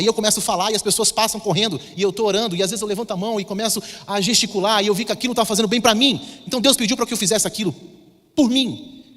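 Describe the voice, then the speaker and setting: A Brazilian man with a Brazilian Portuguese accent and a high, somewhat bright voice preaches a sermon in a conversational, storytelling manner. He is in a large church hall, and the recording is reverberant.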